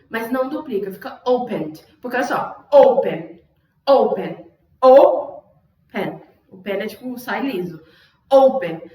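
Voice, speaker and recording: High-voiced woman teaching in a roomy space. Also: fairly bright tone, distant mic. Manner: explanatory, repeats example words with exaggerated stress. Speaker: English teacher. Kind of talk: online language lesson.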